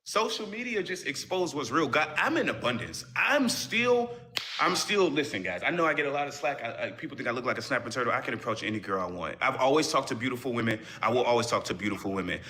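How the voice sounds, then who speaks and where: A man's voice: medium pitch, animated, fast talker, sharp tone. A young man on a live stream, defending himself in a heated debate and repeating himself when cut off. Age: young adult.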